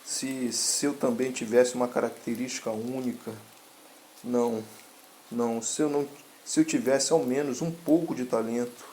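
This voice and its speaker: A man's voice: fairly even intonation, moderate pace, warm tone, slight background noise, lightly acted. Man voicing a desperate young hero. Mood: pleading. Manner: pleading, panics into high cries.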